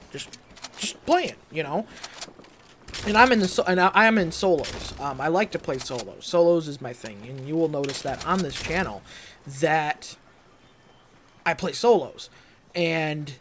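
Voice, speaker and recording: A man who makes gaming videos, telling his viewers a story in a rambling, excitable way, full of fillers like "you know" and "like". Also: on the high side, a little hiss or hum. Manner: animated, excitable retelling.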